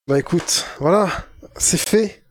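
A young man chats loosely on a podcast, rambling and joking as he drifts into mock-serious musings. His voice sits a little high for a man and sounds close and dry, with no room around it. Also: slow pace, no echo. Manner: rambling, playful, mock-philosophical asides. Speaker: podcast co-host. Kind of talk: casual chat.

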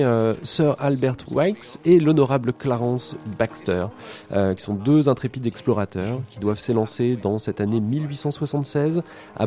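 A man's voice: medium pitch, dark tone. A man with a cold, a video game columnist on a radio show, talking casually with lots of fillers and repeated words. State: has a cold. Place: radio studio.

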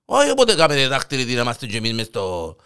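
A man's voice: mid-range voice, huge pitch swings, pushed and bright, clear, resonant tone, full character voice. A man voicing a fed-up, sleepless male neighbor who pleads and groans, with a Cypriot Greek accent. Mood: pleading. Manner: whiny, pleading, groans and sighs.

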